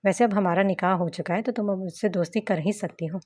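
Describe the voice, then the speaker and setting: A woman's voice: mid-range voice, fast talker, darkish tone, lightly acted. A woman voicing a proud, cocky young husband who bickers sulkily. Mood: bickering. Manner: sulky, boastful bickering.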